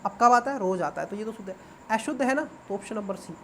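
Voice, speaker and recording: A man's voice: sits high, lively intonation, fast. Male exam coach walking through a paper, repeats each term, quizzes viewers rhetorically, faint background hiss. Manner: repeats words and asks students rhetorical questions. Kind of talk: exam paper answer walkthrough.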